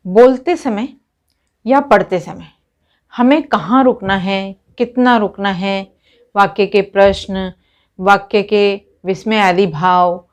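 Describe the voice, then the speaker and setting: A woman teacher giving a grammar lesson, explaining each point step by step with a recurring stock opener. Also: fairly high pitch.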